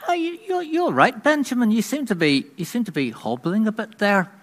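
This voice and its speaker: A man voicing a worried wife in the wilderness, in a high falsetto, fussing over her husband. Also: expressive, brisk. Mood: concerned.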